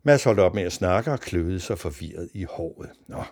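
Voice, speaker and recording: A man reading a children's story aloud in an expressive narrating voice. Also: sits low.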